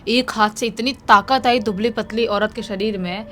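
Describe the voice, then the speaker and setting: A woman telling a real-life horror story in a lively, animated way. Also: fairly high pitch, moderate pace, a little hiss or hum.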